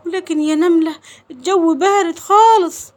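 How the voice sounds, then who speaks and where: A woman with an Egyptian accent voicing a hungry, careless male cockroach who pleads and flatters in a children's folk tale. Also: extremely high pitch, moderate pace. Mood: pleading.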